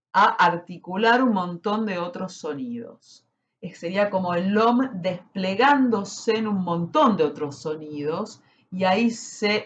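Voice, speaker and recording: Slow, deliberate woman teaching. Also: mid-range voice, dull audio. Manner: deliberate, often checks in with "¿sí?". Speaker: spiritual teacher. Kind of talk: slow explanatory teaching talk.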